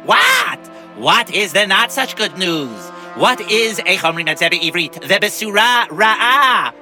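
A man's voice: high-pitched, wildly swooping pitch, fairly quick, soft background music, exaggerated voice. A man voicing a pompous, boastful rich businessman in a children's story, talking grandly and sprinkling in Hebrew words. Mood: alarmed.

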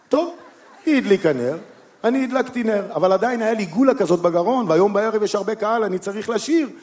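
A middle-aged man with a high voice performs stand-up, spinning a long comic tale. He jumps between his own voice and quick impressions of the people in the story, his pitch leaping up and down as he goes. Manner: animated storyteller acting out quoted voices with big pitch swings. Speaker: stand-up comedian.

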